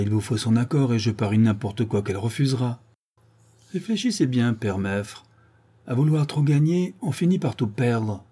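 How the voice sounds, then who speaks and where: A man's voice: fairly low pitch, dark tone, breathy edge. A man voicing a blunt, shrewd male village priest in a read-aloud story, scolding and lecturing.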